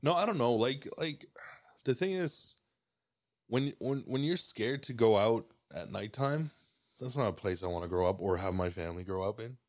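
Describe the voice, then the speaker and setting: A man from Mexico, a podcast guest, talking in a relaxed, rambling way with lots of fillers and restarts. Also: mid-range voice, moderate pace, dry recording, studio quality. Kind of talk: casual podcast chat.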